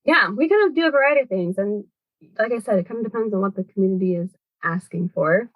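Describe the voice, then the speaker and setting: Speaking quickly in a mid-range voice, a woman appears as a podcast guest who organizes language education. She gives long, thoughtful, explanatory answers in a conversational interview, peppered with hedges like "kind of" and "sort of." The audio is dry with no echo, but narrow and tinny.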